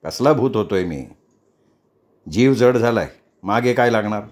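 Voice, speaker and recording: A man voicing a despairing adult journalist who talks low and weary. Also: expressive, a little slow, darkish tone. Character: despairing male journalist, adult, broken-spirited.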